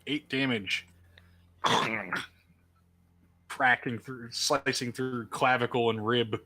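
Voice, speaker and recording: Slow, bright-voiced male game master. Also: mid-range voice. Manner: relaxed, halting, laughs often. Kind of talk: narrating a tabletop game.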